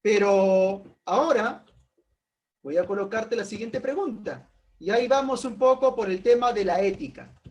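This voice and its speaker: A man's voice: sits high, measured pace, darkish tone, lo-fi sound. A man teaching a philosophy class in an informal way, calling on students by name, asking rhetorical questions and making jokes.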